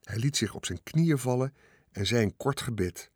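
A man reading a children's storybook aloud in calm, measured narration. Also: mid-range voice, breathy edge, no room sound, studio quality. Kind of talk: scripted audiobook narration.

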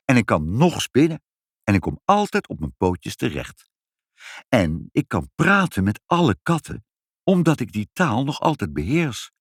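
A timid, gentle mother who was once a cat, speaking slow and a little wavery, as a man puts her on. Her voice rises above his own and stays soft. Dry, close storybook reading. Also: mid-range voice, big pitch swings, no echo, voice pushed up.

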